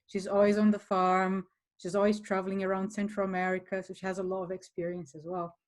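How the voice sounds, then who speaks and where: A woman hosting a casual video call with a coffee partner, talking in a friendly, brisk way. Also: mid-range voice, little pitch movement. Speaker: host.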